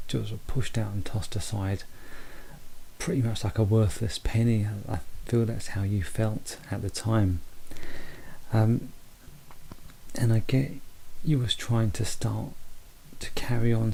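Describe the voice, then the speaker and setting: A man giving a halting, personal psychic reading, speaking quietly close to the mic as if others are asleep in the house. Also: fairly low pitch, creaky, slight background noise, poor audio. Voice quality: hushed, quiet late-night voice. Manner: speaking quietly so as not to wake sleepers; halting, repeats and rephrases phrases. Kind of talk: unscripted one-to-one spoken reading. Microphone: very close to the mouth.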